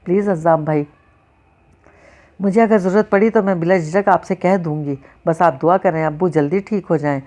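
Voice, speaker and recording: Woman reading as a tired young daughter, polite and holding it in, lowish voice. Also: warm tone, lightly acted. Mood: restrained. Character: young woman, worn-out, quietly restrained daughter. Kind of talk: audiobook dialogue reading.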